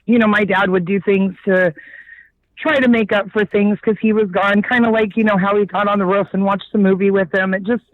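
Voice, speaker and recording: A woman's voice: mid-range voice, steady tone, a little fast. A woman guest on a podcast, chatting casually about a film and thinking aloud, with easy laughs. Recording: dull lo-fi sound.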